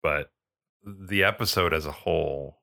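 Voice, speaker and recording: A man's voice: very deep voice, unhurried, gravelly, pushed and bright. A man co-hosting a podcast, chatting casually and reflectively about a TV episode. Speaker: podcast co-host. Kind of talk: casual chat reviewing a TV episode.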